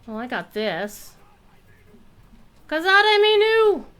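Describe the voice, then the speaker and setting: A woman streams a game live, providing casual, playful and expressive commentary with some salty language. Her voice is very high and her pace slow.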